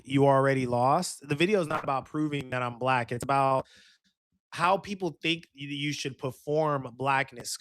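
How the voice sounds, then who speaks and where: A man's voice: fairly high pitch, fairly bright tone, dry recording, studio quality. A man hosting a livestream, chatting casually, joking and reading chat comments aloud. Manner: joking, laughs often, reads chat aloud. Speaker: streamer host.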